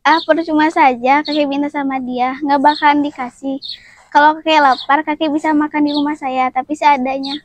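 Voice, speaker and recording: A woman's voice: high-pitched, level tone, fairly quick, no echo, lightly acted. A young woman playing a kind, friendly village woman who talks in a chatty, helpful way in a school drama. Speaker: student actor.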